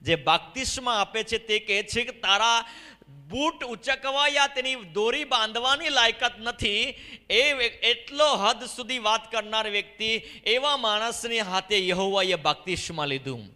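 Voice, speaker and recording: A middle-aged male pastor preaches with fire, his voice bright, piercing and pitched a little high. He calls out to his congregation to answer him, and the sermon rings through an echoey hall with a long reverb. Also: measured pace. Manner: impassioned preaching with call-and-response. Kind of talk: fiery sermon.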